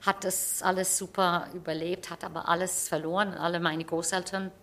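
Bright-voiced American woman, lowish pitch. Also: level tone, moderate pace. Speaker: stage performer interviewed about a production. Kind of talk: casual anecdotal interview talk.

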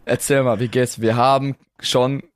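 A man's voice: medium pitch, fairly even intonation, normal speed, no echo, clean studio sound. A young man co-hosting a casual podcast, teasing his friend in playful slang. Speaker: podcast co-host. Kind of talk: casual chat.

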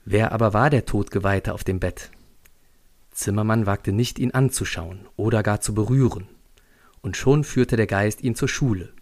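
A man's voice: fairly low pitch, moderate pace, darkish tone. A man narrating a scripted story on a school podcast in a dry, lightly ironic way.

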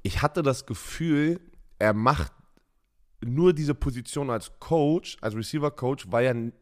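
Animated German man telling stories. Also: mid-range voice, measured pace. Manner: animated storytelling, laughs a lot. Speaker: podcast co-host, former football player. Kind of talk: casual sports chat.

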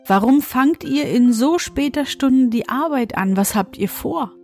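A woman voicing a frightened young girl in a fairy tale, pleading in a raised, gentle voice. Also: lively intonation, a little slow, faint music behind. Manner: pleading, higher voice.

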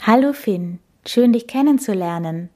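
Woman doing a kind motherly whale, warm soft voice, slow storybook telling. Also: mid-range voice. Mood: gentle. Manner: warm and gentle.

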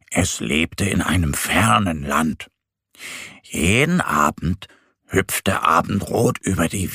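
A man voicing a gentle, patient little bear boy in a children's audio story, speaking softly and calmly. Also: low-pitched, gravelly, breathy edge, dry recording, clean studio sound, heavily acted. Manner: soft, calm, kindly storytelling.

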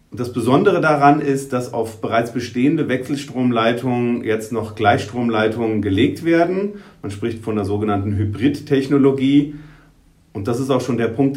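A man of middle pitch explains things slowly as a guest on a podcast, stopping often with "er" and starting his sentences over. He speaks as a local newspaper editor. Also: a little mellow. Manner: hesitant, many ers and restarts while explaining. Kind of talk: podcast interview.

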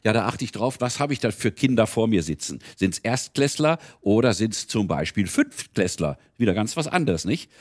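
An older man, a retired volunteer who reads to children, chats casually in an interview, his fairly low voice moving at a moderate pace with few pauses. He tells stories with animation and slips into character voices.

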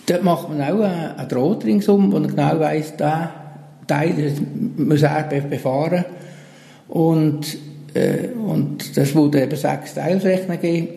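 Gravelly Swiss German man, dark voice. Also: fairly high pitch, steady tone, unhurried. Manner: matter-of-fact, explaining technical details. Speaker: solar cooperative manager. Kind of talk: interview answers. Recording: roomy, reverberant room sound.

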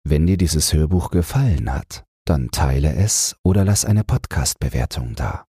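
A man reading a story aloud in a calm, measured way as an audiobook narrator and podcast host, close to the mic. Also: a bass voice, husky, no room sound. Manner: slow, measured.

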